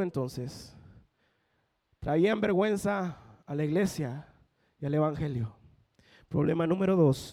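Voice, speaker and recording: A young man gives a sermon from the pulpit, his voice set fairly high. He builds his points with rising emphasis and briefly acts out the people he quotes. The sound carries a long church reverb. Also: dark tone. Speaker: pastor.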